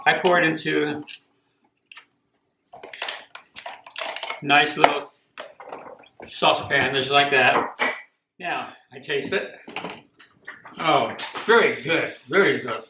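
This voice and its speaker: Older man cooking in an echoey kitchen. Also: a little high. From Costa Rica. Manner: plain, unhurried, repeats himself. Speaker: cooking demonstrator. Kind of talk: casual home cooking demo. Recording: echoey kitchen with clear background noise.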